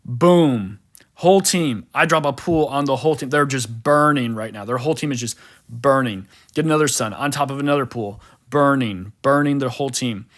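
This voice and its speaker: A gaming coach commentates over a replay of his own gameplay, speaking casually and animatedly with lots of fillers and repeated words. His voice is medium in pitch and fairly bright.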